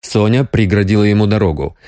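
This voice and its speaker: A man narrating an audiobook with expressive storytelling. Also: on the low side, a little fast, no echo, studio quality.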